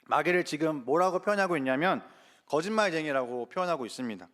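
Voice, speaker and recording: Male evangelist, sermon in a church, earnest, questioning the congregation, fairly high pitch. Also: lively intonation, fast, a bit bright. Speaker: evangelist preaching.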